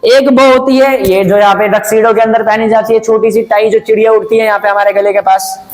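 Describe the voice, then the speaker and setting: A man's voice: high-pitched, fairly even intonation, a little fast, a little mellow, low-quality recording. A man teaching English grammar in Hindi, mixing in English phrases and spelling words out letter by letter. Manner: explains patiently, asks and answers own questions, says "bhai". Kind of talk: Hinglish classroom lesson.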